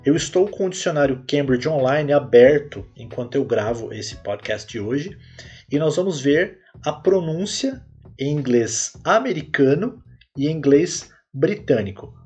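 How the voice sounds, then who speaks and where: A man hosting a solo English-teaching podcast, explaining clearly and repeating words for emphasis. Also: a little high, a little mellow.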